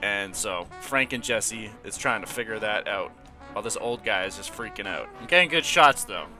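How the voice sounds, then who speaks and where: A man's voice: lowish voice, animated, normal speed, sharp tone, soft background music. A young man casually commentating a game, laid-back and slangy, laughing now and then. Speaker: gaming channel host.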